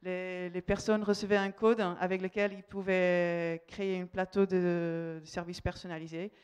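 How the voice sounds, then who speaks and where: A woman's voice: lowish voice, little pitch movement, normal speed, a little mellow, clear, resonant tone, muffled recording. A woman from the Netherlands with a Dutch accent, giving a conference presentation in a hesitant way, often repeating words mid-phrase. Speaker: company representative, conference speaker.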